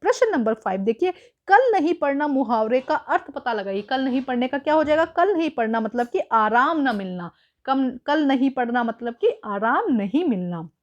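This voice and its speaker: A woman's voice: sits high, sing-song, moderate pace, muffled recording. A woman teacher patiently explaining a school worksheet, mixing English words into her explanations.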